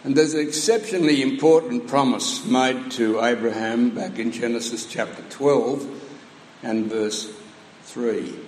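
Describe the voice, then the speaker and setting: A man with a croaky voice from allergies, preaching a sermon with measured teaching and dry humor. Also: medium pitch, a little mellow, slight background noise. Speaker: pastor. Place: church hall. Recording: roomy hall with long reverb.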